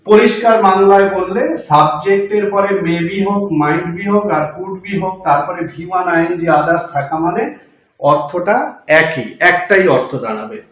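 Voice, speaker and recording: Male teacher, high voice, slow step-by-step explaining, dull lo-fi recording. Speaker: English teacher. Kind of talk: grammar lesson. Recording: very echoey, dull lo-fi room.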